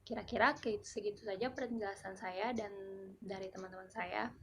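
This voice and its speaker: A young woman from Indonesia, a university student, giving a class presentation and explaining slowly and carefully with spoken examples. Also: mid-range voice, fairly even intonation, fairly bright tone, a little hiss or hum. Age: young adult.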